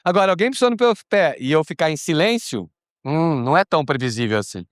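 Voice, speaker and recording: A Brazilian man speaking on a conference panel, expressive and acting out little dialogues with casual swearing. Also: a little high, fast, no echo, studio quality. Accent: Brazilian Portuguese. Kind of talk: animated panel talk. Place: conference stage.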